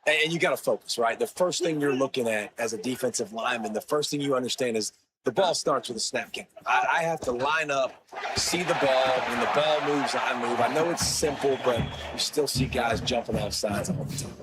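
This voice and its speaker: A man's voice: mid-range voice, fairly quick, heavy background noise, lightly acted. An American man working as a color commentator, explaining football plays in an emphatic, conversational way. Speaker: color commentator, former defensive player. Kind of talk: conversational football analysis for a sports game broadcast. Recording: music behind the commentary.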